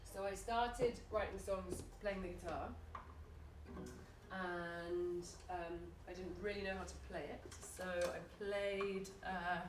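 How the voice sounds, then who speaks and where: A woman from London, a singer-songwriter, chatting to a live audience between songs in a relaxed way, with plenty of ums and likes, while nursing a sore throat. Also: on the low side, slow, noisy background. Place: small live music venue. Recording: roomy live room, voice from a distance, instrument behind.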